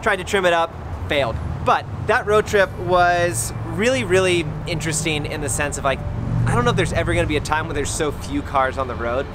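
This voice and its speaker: A man in his thirties, a photographer talking casually in a vlog in a relaxed, rambling way, often adding "like" as an aside. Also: a little high, fairly quick, background noise. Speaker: photographer vlogger. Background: loud background music.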